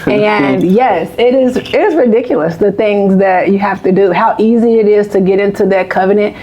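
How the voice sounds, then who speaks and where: A woman's voice: medium pitch, normal speed, dark tone, lo-fi sound, a little hiss or hum. A woman in her late twenties or thirties, co-hosting a podcast in candid, emphatic casual conversation. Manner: candid, emphatic, repeats phrases. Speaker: podcast co-host.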